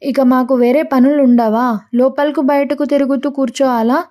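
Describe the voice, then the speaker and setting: A woman's voice: high-pitched, steady tone, moderate pace, warm tone, natural voice. A woman voicing a brash, hot-tempered but caring young man in a read-aloud story. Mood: annoyed.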